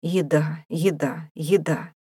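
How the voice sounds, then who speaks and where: A woman's voice: deep voice, fairly even intonation, takes it slowly, warm tone, breathy edge, dry recording, studio quality, heavily acted. A woman voicing a desperate, starving male prisoner who pleads and rages in an audiobook. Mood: pleading, indignant. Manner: pleading, wailing, indignant.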